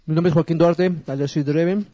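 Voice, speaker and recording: A man with a Mexican accent co-hosting a podcast, tossing in quick wisecracks. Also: a little high, steady tone, warm tone, no echo, muffled recording. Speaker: podcast co-host. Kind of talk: casual chat.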